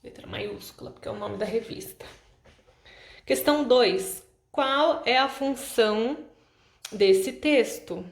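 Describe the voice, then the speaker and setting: A woman's voice: fairly high pitch, takes it slowly, reverberant. A woman teacher with a Brazilian Portuguese accent goes through homework answers patiently, explaining step by step and often checking in with the class. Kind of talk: correcting homework exercises.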